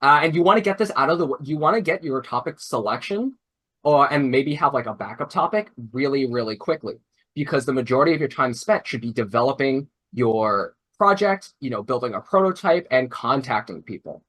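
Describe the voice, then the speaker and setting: This young robotics mentor talks briskly on a video call, his mid-range, slightly bright voice full of lively intonation. The explanation is casual and rambling, packed with "like" and "uh," with frequent restarts and self-corrections.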